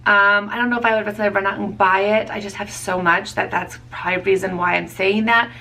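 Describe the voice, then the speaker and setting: Gravelly, bright-voiced woman vlogger. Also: medium pitch, steady tone, fast talker, far from the mic. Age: 30s. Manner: chatty, rambling, self-correcting with small laughs. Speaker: beauty vlogger. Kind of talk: casual product review chat.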